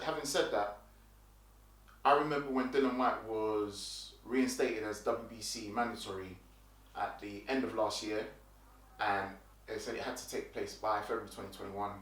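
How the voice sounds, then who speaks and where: A man talks through the week's boxing news in a loose, chatty way, full of fillers and restarts. He sits back from the mic, and the room rings around his voice. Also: mid-range voice. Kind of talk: casual commentary. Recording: roomy and distant from the mic.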